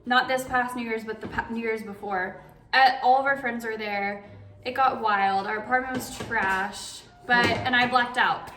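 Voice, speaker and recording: A woman's voice: a little high, steady tone, moderate pace, pushed and bright. Distant, echoey young woman chatting casually. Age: 20s. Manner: chatty, uses like often. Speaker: vlog host answering viewer questions. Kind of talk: casual chat. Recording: roomy echo, distant mic, music behind. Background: background music.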